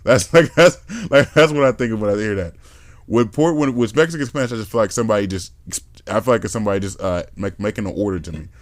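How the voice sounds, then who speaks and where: He has a lowish voice and talks fast, recorded dry at studio quality. As a podcast host he keeps things casual and lively, rambling through his ideas and slipping into acted-out accents.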